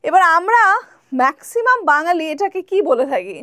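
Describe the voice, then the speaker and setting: A woman teaching spoken English, slowly modelling pronunciations and asking viewers to repeat after her. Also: extremely high pitch, big pitch swings, a bit bright, no room sound, studio quality. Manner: slow, drawn-out model pronunciations, then quick explanations; addresses viewers directly, asks them to repeat and comment.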